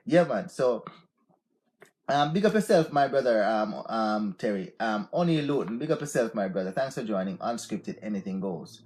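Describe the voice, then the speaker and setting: An expressive man in his forties speaks at normal speed in a lowish, slightly mellow voice with a Jamaican accent. On his unscripted live stream he offers motivational talk in a loose, repetitive manner, often saying "yeah, man".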